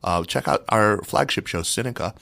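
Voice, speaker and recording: A man with a deep, gravelly voice talks casually as a podcast guest. He restarts his phrases often, and the recording is dry and close. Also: normal speed, pushed and bright, dry recording. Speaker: podcast guest from another show. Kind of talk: casual chat.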